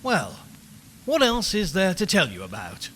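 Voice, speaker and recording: With a voice that sits high, huge pitch swings, and a sharp tone, a man plays a heavily acted radio reporter, uneasy and chatty, at a slightly slow pace. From inside a haunted house he addresses listeners in a wry, conversational manner for a horror audio drama styled as a live radio broadcast. The sound has long reverb along with hiss and ambient background.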